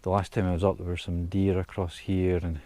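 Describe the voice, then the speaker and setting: A man's voice: deep voice, flat delivery, fairly quick, warm tone. A man vlogging outdoors in pine woods, chatting and thinking aloud while he works, a little out of breath. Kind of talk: casual outdoor vlog narration.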